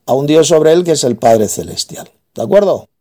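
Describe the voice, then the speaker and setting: A man's voice: a little high, lively intonation, moderate pace, heavy background noise. A man from in a heated religious debate, combative and insulting, hammering his points home with repetition.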